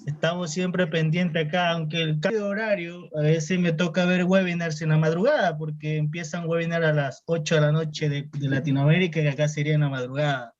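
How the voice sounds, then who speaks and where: A man's voice: a little high, flat delivery, fairly quick, few pauses. Guy from ecuador chatting away on a video call, muffled audio. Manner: friendly, talkative, polite. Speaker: neurosurgery resident. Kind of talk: casual video call chat.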